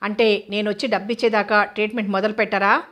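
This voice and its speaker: A woman voicing a bold young woman who talks firmly and calmly, in a mid-pitched, narrow-ranged tone. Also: fast talker, natural voice. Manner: firm and composed.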